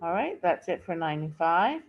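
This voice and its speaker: Woman teacher, recorded workbook lesson, patient, repeats key terms, fairly low voice, dull lo-fi sound. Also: very animated, normal speed, a little hiss or hum. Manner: reads poem aloud with stressed line endings.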